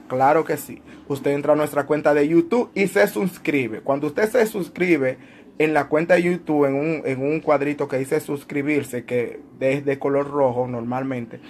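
A man's voice: a little high, a little hiss or hum. A man hosting a casual show, reading viewer comments in a playful, laughing, theatrical way. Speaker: show host and moderator.

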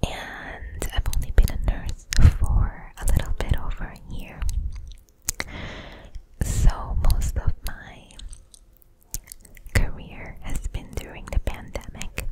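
Slow, close-up whispering young woman. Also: poor audio. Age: young adult. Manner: whispering softly and slowly, close to the ear. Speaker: ASMR video creator, nurse. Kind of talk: whispered ASMR. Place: indoor room at home. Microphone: desk microphone very close to the mouth.

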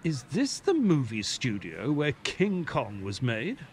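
A man's voice: mid-range voice, huge pitch swings, takes it slowly. An actor playing an earnest, easily baffled male ex-soldier doctor who narrates and talks in an audio drama. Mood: earnest, narrating. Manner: hesitant, puzzled, earnest. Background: music.

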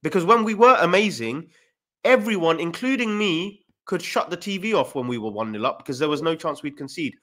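A man co-hosting a casual football chat over a video call, animated and often jumping up in pitch. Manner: animated, quick rises in pitch. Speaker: co-host. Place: home room, video call. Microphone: desk mic on video call.

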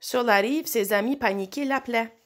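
A woman reading a children's picture book aloud, expressive, with slow dramatic pauses. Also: on the high side. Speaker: storybook reader. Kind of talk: children's story read aloud.

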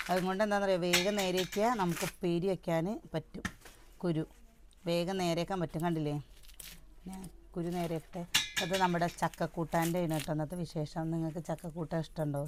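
A woman talks to her viewers in a relaxed home cooking vlog, chatty and direct. She has a sore throat, and her voice sits a little low. A faint hum of noise runs behind her. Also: fast talker. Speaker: cooking vlogger.

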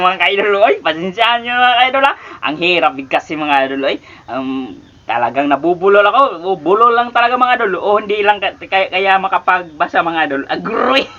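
Male vlogger, very high and bright voice, cheery shoutouts, fumbles names. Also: lo-fi sound. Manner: stumbles over names, keeps saying "mga idol". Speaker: vlogger reading viewer shoutouts. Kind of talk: casual shoutout vlog.

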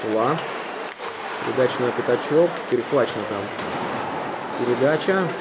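A man's voice: mid-range voice, expressive, unhurried. A man giving live ice hockey play-by-play in short, clipped phrases. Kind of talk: live sports play-by-play commentary. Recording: very noisy arena, loud crowd. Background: loud crowd and rink noise.

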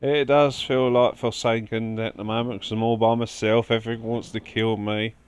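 A man's voice: on the low side, little pitch movement, moderate pace, smooth. Chatty man narrating his gameplay. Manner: chatty, talks to game creatures while playing. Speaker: gaming livestreamer. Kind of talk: casual let's-play commentary.

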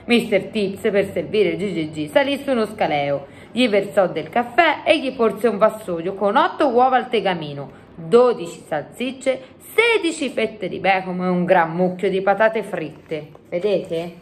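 A woman's voice: mid-range voice, expressive, a little slow, few pauses, a little hiss or hum. A woman, a teacher, reading a storybook aloud to children and breaking off to chat with them. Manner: chatty asides to the children.

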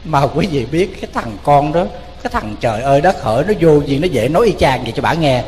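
A Buddhist monk with a Southern Vietnamese accent preaches in a lively, joking storytelling way, turning often to his listeners. His voice sits fairly high for a man. The sound rings with a long hall reverb over a faint hiss. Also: brisk. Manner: lively, joking, addresses the audience directly. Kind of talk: storytelling sermon. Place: temple hall.

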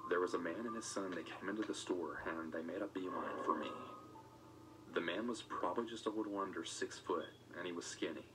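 Low guy narrating a story all even and flat, music playing under him. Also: brisk. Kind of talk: scripted first-person narration.

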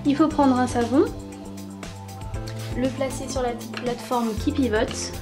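A toy review YouTuber, a young woman with a somewhat high voice, narrates a toy demonstration step by step. She's relaxed and a little slow, dropping small fillers as she thinks. Clear music plays underneath her voice-over.

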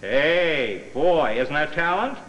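A man's voice: on the high side, lively intonation, takes it slowly, fairly bright tone. A middle-aged man playing horror host in a rambling comedy skit, full of hammy patter and mock-gallant wisecracks. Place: indoor TV studio set. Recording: echoey noisy old TV studio tape.

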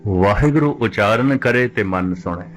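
A man preaching a Sikh sermon who poses rhetorical questions and slows right down to recite scripture lines. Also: fairly low pitch, animated, faint music behind. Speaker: Sikh preacher giving katha.

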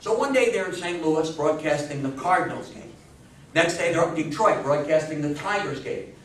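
An American man gives an informal public history talk to a seated audience in a small indoor meeting room, speaking emphatically and posing rhetorical questions. His pitch is higher than average, with lively intonation and normal speed. A distant camera microphone captures an echoey room and faint hiss.

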